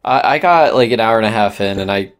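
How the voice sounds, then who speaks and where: A man co-hosting a casual podcast, excitable and swearing, often trailing off mid-sentence. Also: fairly low pitch, fairly quick. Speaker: podcast co-host. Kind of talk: casual chat.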